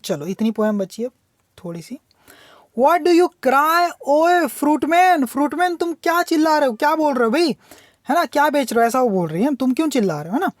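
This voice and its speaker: A woman's voice: sits high, very animated, no echo, studio quality. Woman teacher explaining a poem. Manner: slow, drawn-out reading of English lines, then quick Hindi explanation; asks questions and answers them herself.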